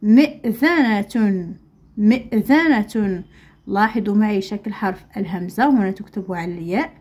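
A woman's voice: medium pitch, fast talker, darkish tone, breathy edge. A woman with a Moroccan accent teaching Arabic letters to young pupils, drawing words out syllable by syllable. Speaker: primary school Arabic teacher. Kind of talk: recorded classroom lesson.

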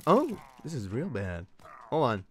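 On a live Twitch stream, a man calls his gameplay with excited commentary, cursing and yelping as he jokes around with his chat. His voice is medium in pitch, husky, and a touch slow.

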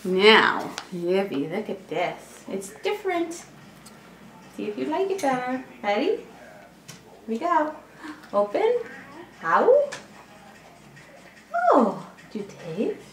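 A mother coos to her baby in slow, drawn-out baby talk, her voice swooping up and down. She sounds a touch high for a woman. The room around her rings with a roomy echo. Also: huge pitch swings, a little hiss or hum. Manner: sing-song baby talk, coaxing. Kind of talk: casual home video.

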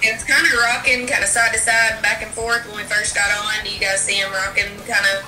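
A woman asking a family gentle, hesitant screening questions about a child, with many fillers. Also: mid-range voice, flat delivery, brisk, roomy sound, distant mic, soft background music, poor audio. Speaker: developmental screening clinician. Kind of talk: clinical intake questions.

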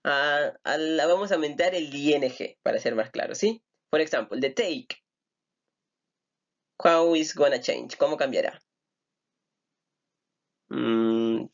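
A man's voice: on the high side, muffled recording. A man teaching an English grammar lesson, patiently repeating words and asking rhetorical questions. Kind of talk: recorded online grammar lesson.

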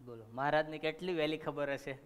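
A man's voice: on the high side, quick pace, clean tone. A man with a Gujarati accent telling a story in a sermon as a katha preacher, acting out the characters and asking his listeners questions. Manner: animated storyteller, acts out characters, asks the audience questions. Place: temple assembly hall. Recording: long reverb of a temple hall.

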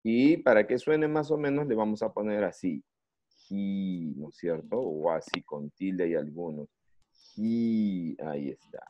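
A man's voice: deep voice, unhurried. A man with a Peruvian Spanish accent teaching an online English class to young students. He keeps asking questions, coaxes the kids to join in, and jokes around to keep them engaged. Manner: lively, coaxing, playful, asks many questions. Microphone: computer mic on a video call. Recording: slightly dull lo-fi call audio.

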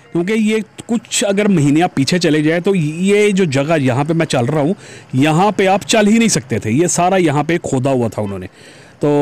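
His voice a little high with a darkish tone, a man from Pakistan narrates a motorbike ride through busy city streets for his viewers. He keeps the commentary chatty and casual, addressing them as "janab", captured by his helmet-mounted camera.

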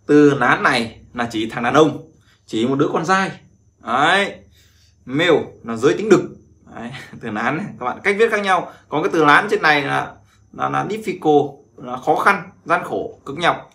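A man's voice: fairly high pitch, lively intonation, pushed and bright. A man teaching a casual vocabulary lesson, chatting and drilling words again and again. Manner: repeats words in drawn-out drills, chatty asides. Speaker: Chinese language teacher.

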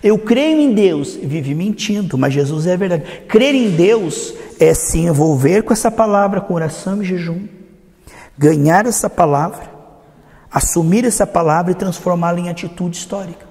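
A man with a high-pitched voice preaches to his congregation as their pastor. He plays out little back-and-forth scenes to drive home each point. His voice rings with the long reverb of a church hall. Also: moderate pace, a little mellow. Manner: preaching with acted-out dialogues. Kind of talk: sermon.

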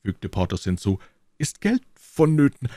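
A man voicing a loud, blustering young musketeer in an audiobook reading, speaking boisterously and higher than his own voice. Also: big pitch swings, unhurried, no echo, studio quality.

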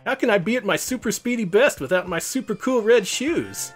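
Man doing Sonic the Hedgehog, high and brash. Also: expressive, a little fast, soft background music. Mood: urgent. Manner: brash, impatient. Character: cocky, impatient male cartoon hedgehog hero. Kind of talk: storybook character voice.

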